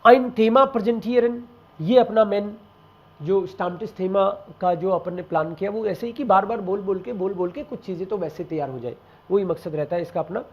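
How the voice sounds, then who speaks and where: In a muffled recording, a man with a high-pitched voice at normal speed teaches a German exam class. He explains casually in Hindi, speaks directly to his students, and slips in German example sentences.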